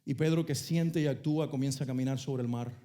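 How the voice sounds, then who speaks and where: A male pastor preaching a sermon, telling a story with dramatic shifts between soft and loud delivery and asking the congregation to repeat phrases. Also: mid-range voice, steady tone, fast talker.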